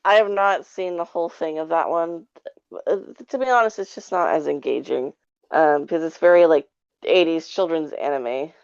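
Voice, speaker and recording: A woman appearing as a podcast guest reviewer gives her opinions in a casual, rambling chat, saying "like" often. Her voice sits low and is clear and resonant at a moderate pace, recorded without echo but sounding muffled.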